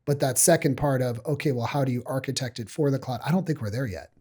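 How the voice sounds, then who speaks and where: A man's voice: mid-range voice, fast talker, slightly rough. Man hosting a tech podcast. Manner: relaxed, joking, laughs often. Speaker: podcast host. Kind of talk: casual podcast chat.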